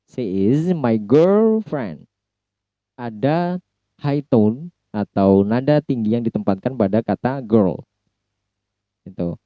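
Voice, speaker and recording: A man with an Indonesian accent giving a recorded phonology lecture, pausing to say example sentences slowly and clearly. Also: medium pitch, no room sound, lo-fi sound. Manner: mixes explanation with slow drawn-out example sentences.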